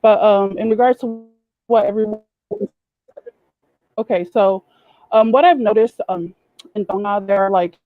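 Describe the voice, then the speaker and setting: A woman speaking as a panel guest over a video call, her audio corrupted, glitchy and cutting out, talking in a halting way with many fillers. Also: mid-range voice, no room sound, phone-quality sound. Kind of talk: casual chat.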